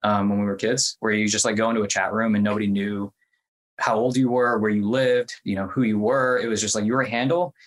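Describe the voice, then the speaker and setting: Midwest-raised man, low-ish voice, laid-back rambling interview guest. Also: fairly quick, low-quality recording. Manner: relaxed, many fillers, loose and chatty. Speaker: podcast guest, investor. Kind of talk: casual interview talk.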